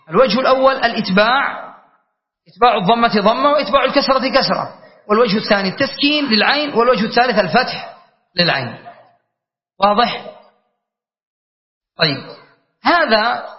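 A man teaching a classroom grammar lesson as a sheikh, explaining patiently, repeating words and often checking that listeners follow. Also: very high voice. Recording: dull lo-fi lesson recording.

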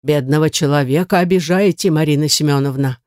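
A sullen, self-pitying old labourer with a Ukrainian accent, as the reader puts him on, swearing hoarse oaths that he is innocent. The storybook reading is dry and close. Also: on the high side, brisk, darkish tone, no room sound, pitched below the performer's own voice, natural voice. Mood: aggrieved protesting. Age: older. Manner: protesting, hoarse, oath-swearing.

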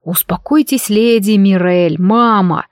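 A woman's voice: medium pitch, measured pace, no room sound, clean studio sound, natural voice. A woman voicing a stern grown male emperor who gives curt, firm commands in an audiobook.

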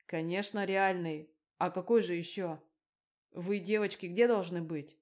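Crude gangster man, bullying, contemptuous, loud, read by a woman, dark voice, audiobook. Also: on the low side, fairly even intonation, unhurried, natural voice. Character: menacing bald male gangster, crude and threatening. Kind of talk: audiobook character voice.

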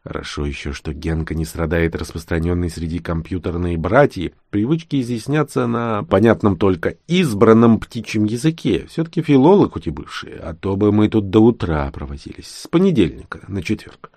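Lively low-voiced male narrator. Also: moderate pace, few pauses, no room sound, clean studio sound. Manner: lively, ironic storytelling. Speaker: audiobook narrator. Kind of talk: scripted narration.

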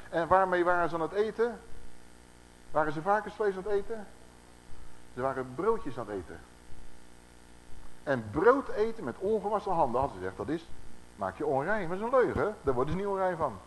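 A man delivers a conversational sermon to a congregation in a meeting room. His voice sits a little high and leaps around expressively as he teaches. He keeps turning to his listeners with rhetorical questions. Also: slight background noise, low-quality recording. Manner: animated, asks the audience rhetorical questions. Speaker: preacher.

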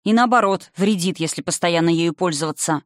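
A man's voice: on the high side, brisk, a bit bright, no echo, studio quality, lightly acted. A reader voicing a young male silver dragon, irritable and gloomy, who talks in a sarcastic, snapping way in an audiobook. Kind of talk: audiobook character reading.

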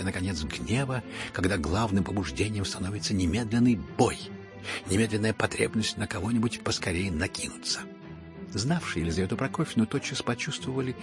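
A man reading a classic novel aloud as an audiobook narrator, measured and steady. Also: deep voice, creaky.

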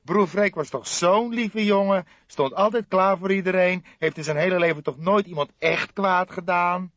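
Narrator voicing a sarcastic young sidekick detective, high and sneering, muffled recording. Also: male voice, normal speed, a bit bright, dry recording.

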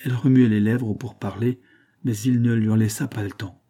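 A man reading a novel aloud as an audiobook narrator, in a measured, literary style. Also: lowish voice, fairly even intonation, dark tone. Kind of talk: scripted narration.

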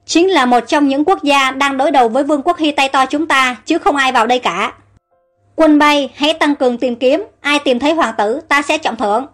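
A woman's voice: high-pitched, a little fast, close to an everyday voice. A woman reading the lines of an angry middle-aged king who barks orders and threats, in a storybook narration with faint music behind. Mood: furious.

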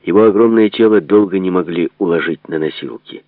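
A man reading an audiobook aloud in a measured, serious delivery, in a dry phone-like narrow recording. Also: low-pitched, no echo. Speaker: narrator.

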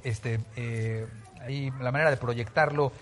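A man's voice: mid-range voice, steady tone, a little slow, slight background noise. A man giving a Bible teaching, explaining at length with many fillers and restarts.

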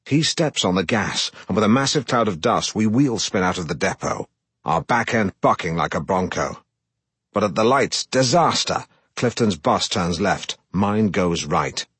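Middle-aged male narrator, low husky voice, deadpan and self-important comic audiobook read. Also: measured pace, dry recording.

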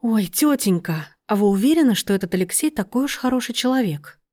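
A woman's voice: a little high, expressive, brisk, darkish tone, voice pushed up. A woman reading aloud and voicing a sly young woman who talks sweetly and feigns innocence.

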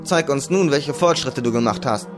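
A man voicing a stern old male grand mage with a rough, commanding voice in a fantasy audiobook. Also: mid-range voice, moderate pace, over music, close to an everyday voice. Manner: commanding, formal.

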